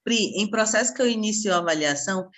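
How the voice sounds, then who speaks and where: A woman teaching a casual online class, a lively storyteller who acts out her conversations with parents. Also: mid-range voice, fast, slight background noise. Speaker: psychopedagogy teacher.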